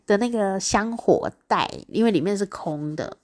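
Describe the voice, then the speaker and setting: A woman with a Taiwanese Mandarin accent telling a casual diary story, chatty and excitable, laughing often. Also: medium pitch, normal speed. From Taichung, Taiwan. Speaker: diary podcast host.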